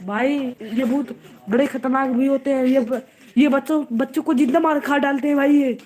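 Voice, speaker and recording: A woman narrating casually and excitedly, repeating urgent warnings over and over. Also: high-pitched, moderate pace. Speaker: vlogger narrating. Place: outdoor home courtyard at night.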